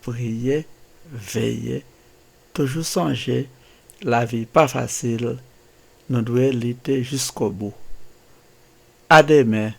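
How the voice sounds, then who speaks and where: A man with a Haitian accent hosts a daily saints channel, offering a spoken religious reflection that urges listeners on with proverbs and Bible verses. His voice is medium-pitched and creaky, and he takes it slowly with long pauses.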